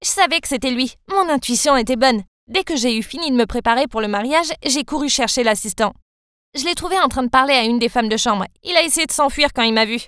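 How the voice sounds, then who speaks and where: A young woman narrating a first-person story in a dramatic, expressive way. Her voice is high and smooth. The sound is dry and close. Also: fast, no room sound.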